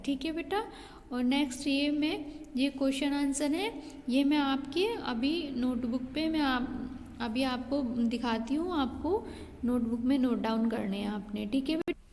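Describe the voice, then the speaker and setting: A woman schoolteacher giving a patient Hindi grammar lesson to young pupils, checking in often and calling them "beta". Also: sits high. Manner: patient, repeats "ठीक है" and "बेटा" to pupils. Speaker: school teacher. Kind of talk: online Hindi class lesson. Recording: long hall reverb.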